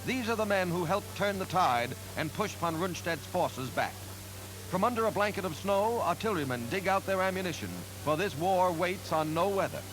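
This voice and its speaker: A man's voice: high voice, normal speed, rough recording. A man narrating wartime footage in solemn, emphatic 1940s newsreel style, with old newsreel sound. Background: music.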